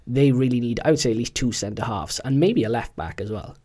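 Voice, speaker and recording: A man's voice: medium pitch, a little fast, slightly rough. Chatty young man talking football. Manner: chatty, animated, slangy. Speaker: podcast co-host. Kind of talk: casual football chat.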